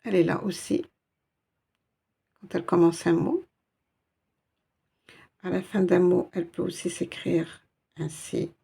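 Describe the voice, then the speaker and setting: A woman's voice: lowish voice, steady tone, measured pace, gravelly, long pauses, dark tone, breathy edge. A woman teaching a step-by-step Arabic reading lesson in French, patient and explaining each letter and sound.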